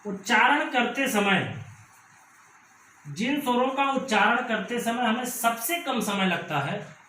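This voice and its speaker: High, bright-voiced man teaching in an echoey room. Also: expressive, far from the mic. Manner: slow, repetitive explaining. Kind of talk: Hindi grammar lesson.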